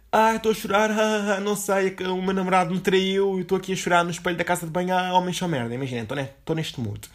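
Young male podcast host, European Portuguese accent, rambling slangy chatter, a bit high-voiced, quick. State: dizzy and low on energy after waking up. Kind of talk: casual solo podcast monologue.

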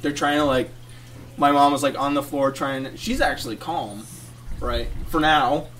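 Guy on a podcast telling a wild story, kinda high voice, sits back from the mic. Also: normal speed, recorded from a distance, a little hiss or hum. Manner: animated, laughs through his own story. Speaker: podcast co-host. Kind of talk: casual storytelling.

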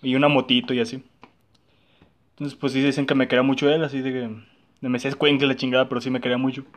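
A man's voice: mid-range voice, little pitch movement, quick pace. A young man with a Mexican accent telling a personal story in casual, slangy chat, full of fillers.

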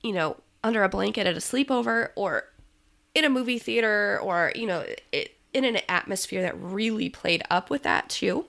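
A woman's voice: medium pitch, normal speed, creaky, fairly bright tone. A woman co-hosting a podcast, chatting casually with plenty of ums and easy laughs. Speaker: podcast co-host. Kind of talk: casual chat.

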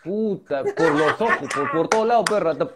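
A man with a high voice and a Peruvian accent chats casually. He tells crude stories packed with street slang. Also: lively intonation, brisk, a crowd in the background. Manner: crude, slang-heavy storytelling. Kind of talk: casual chat.

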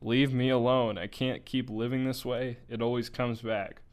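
A man's voice: mid-range voice, steady tone, normal speed, smooth, lightly acted. A man voicing a sobbing young woman on the radio. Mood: distraught.

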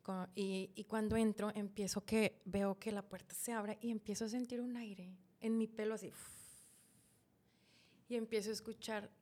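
A woman's voice: mid-range voice, normal speed. A woman, a podcast guest, telling an emotional personal story and acting out past conversations. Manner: animated, laughs often, retells dialogue.

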